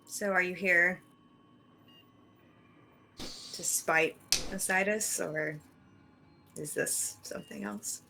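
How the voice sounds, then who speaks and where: A woman's voice: fairly low pitch, slow, gravelly, pauses often, background noise. Woman voicing a wary, probing young heroine. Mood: guarded. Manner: guarded, probing questions. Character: wary young woman questioning her captor. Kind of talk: tabletop role-play dialogue.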